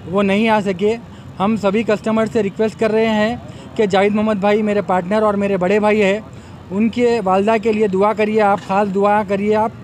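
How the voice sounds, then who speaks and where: A young man with a high, slightly mellow voice gives a promotional press statement as organizer of an outdoor expo, repeatedly inviting customers to come. He addresses a bank of press microphones on a table, and slight background noise is audible.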